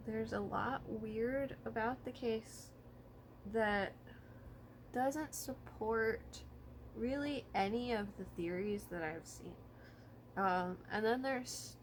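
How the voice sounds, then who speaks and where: A woman's voice: mid-range voice, a little hiss or hum, rough recording. A woman talking informally to camera about true crime, thinking aloud and hedging as she goes. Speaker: vlogger.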